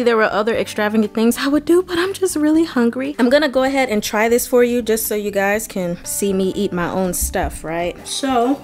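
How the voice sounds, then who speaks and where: A woman hosting a casual home cooking vlog, chatty and enthusiastic, talking straight to her viewers from her kitchen. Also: medium pitch. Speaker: cooking vlogger.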